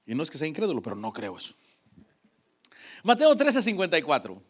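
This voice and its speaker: A man preaching a fervent sermon, calling on the congregation to repeat after him and swinging between loud exhortation and soft asides. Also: fairly high pitch, huge pitch swings, fairly quick.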